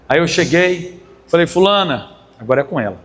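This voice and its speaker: A man's voice: a little high, lively intonation, fairly quick, a bit bright. A man preaching a sermon as pastor, telling a story and asking the congregation for amens. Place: church hall. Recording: long hall reverb, faint ambience. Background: congregation responses.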